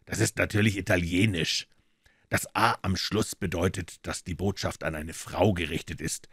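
A man voicing a calm, incisive male master detective in a measured, deliberate way. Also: low voice, husky, no room sound, clean studio sound, full character voice.

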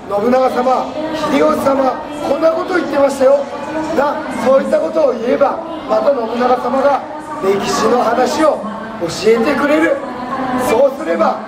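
On a big indoor event stage, a costumed host teaches history live while in character as a folksy, jovial samurai lord, projecting grandly with old-fashioned lordly Japanese phrasing and a Nagoya accent. His voice is very high-pitched. Captured from far off, the hall is echoey and loud with the crowd.

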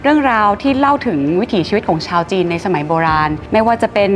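Woman, thirties, auction presenter, polite and informative, fast delivery, gallery showroom. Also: medium pitch, animated. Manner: polite, informative, frequent soft sentence-final particles. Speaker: auction specialist. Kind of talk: scripted presentation of auction highlights. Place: gallery showroom with glass display cases. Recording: clear music bed behind voice.

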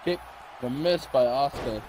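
A man co-hosting a casual let's-play, calling out moves in a relaxed way. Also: medium pitch, normal speed. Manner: laid-back, calls moves, laughs often. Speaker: gaming co-host. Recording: noisy game-audio background.

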